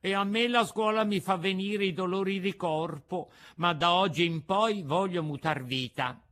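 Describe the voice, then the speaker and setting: A man voicing a mischievous, impulsive wooden boy puppet in a storybook reading, in a high, excitable, pleading voice. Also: normal speed. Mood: eager.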